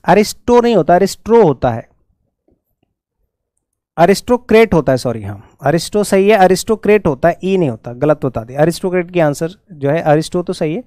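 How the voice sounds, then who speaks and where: This male English teacher, speaking with a Hindi accent, moves briskly through exam preparation and presses students for quick answers. He sounds animated yet mellow, his voice pitched high, smooth and clear, captured dry and close without any room sound.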